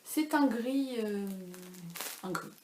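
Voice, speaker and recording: A woman's voice: on the high side, slow pace. A woman in her thirties who hosts a knitting podcast, chatting casually at home in a rambling, self-deprecating way with lots of fillers. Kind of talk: casual chat. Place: home room. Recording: echoey room with faint ambient noise.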